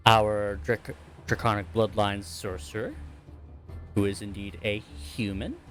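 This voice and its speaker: A man running a tabletop game, recapping the last session in a rambling, self-correcting way. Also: on the low side. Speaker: game master.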